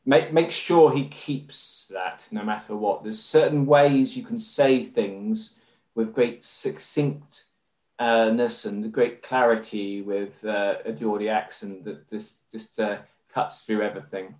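A man with an English accent, a podcast guest talking in a measured, formal way with many fillers. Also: on the low side, fairly even intonation, a little mellow. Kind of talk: conversational interview. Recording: roomy echo.

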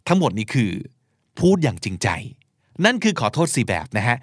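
A man's voice: mid-range voice, big pitch swings, brisk, no echo, studio quality. A man hosting a podcast, teaching and explaining vocabulary, spelling out words and acting out short examples. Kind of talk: explanatory language lesson talk.

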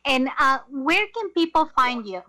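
A woman's voice: high voice, very animated, unhurried, pushed and bright. A woman hosting an interview show, speaking to her guest and listeners. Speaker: show host.

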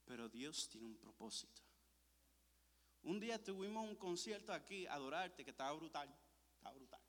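A man gives an emotional sermon testimony in a high, bright voice. His delivery swings widely, dropping to a hush and then rising to exclamations. The sound carries the long reverb of a church hall. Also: animated, moderate pace. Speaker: preacher.

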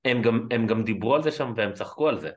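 A man co-hosting a wrestling podcast, speaking in a measured, candid way in casual chat. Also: mid-range voice, animated.

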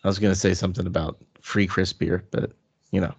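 A man's voice: sits low, flat delivery, quick pace, vocal fry, a little mellow, breathy edge. A man chatting casually on a podcast in a hesitant, noncommittal way. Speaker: podcast co-host. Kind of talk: casual chat.

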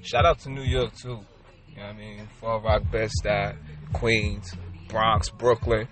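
A man's voice: on the low side, level tone, a little slow. Laid-back New man hosting. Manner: laid-back, agreeable, lots of slang and shout-outs. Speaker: podcast host. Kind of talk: casual late-night chat. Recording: faint music in background.

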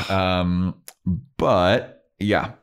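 A man's voice: sits low, animated, gravelly. A man casually recapping a TV episode with a co-host, swearing and acting out the characters' lines. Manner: laid-back, swears, acts out characters' lines in quick voices. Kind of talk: casual chat.

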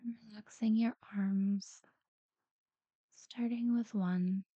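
A woman guiding a sleep meditation in a soft, breathy near-whisper, soothing and unhurried, with long pauses between short phrases. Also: mid-range voice, steady tone, dry recording, muffled recording. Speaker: guided relaxation narrator. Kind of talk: guided sleep meditation talkdown.

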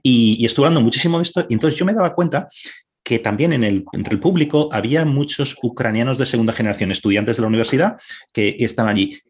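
A man's voice: mid-range voice, expressive, fast. Thoughtful male interviewer. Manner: thoughtful, searching for words, repeats himself. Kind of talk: conversational interview.

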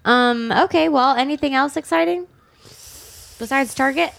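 A woman's voice: high voice, moderate pace, vocal fry, a bit bright. A woman hosting a podcast, chatting casually, playful and teasing, often laughing. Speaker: podcast host. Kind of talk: casual chat.

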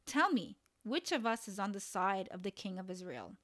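A woman's voice: medium pitch, lively intonation, normal speed, a bit bright, close to an everyday voice. A woman reading as an angry ancient king. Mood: demanding.

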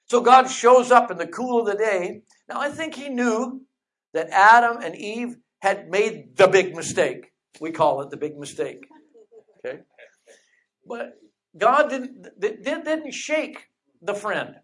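A preacher delivering a sermon who repeats refrains and asks rhetorical questions, slows down to stretch key phrases, and drops into conversational asides. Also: medium pitch, expressive, fairly bright tone.

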